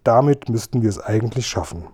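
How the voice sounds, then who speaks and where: A man's voice: mid-range voice, animated, fairly quick, darkish tone, breathy edge. A man reading a children's storybook aloud, voicing an eager young boy sidekick who speaks earnestly and matter-of-factly.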